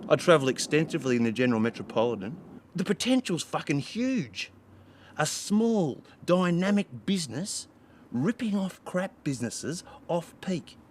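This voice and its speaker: A man's voice: a little high, very animated, moderate pace, a little hiss or hum. An actor playing a brash, scheming male crook, rambling and swearing heavily in a radio drama.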